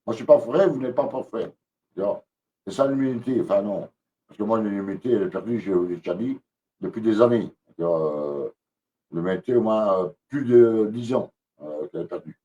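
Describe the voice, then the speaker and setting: A man's voice: lowish voice, fairly quick, mellow, distant mic, highs cut off. A man ranting angrily on a live stream, repeating himself and hesitating often. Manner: agitated, repetitive, many hesitations. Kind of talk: angry live-stream rant.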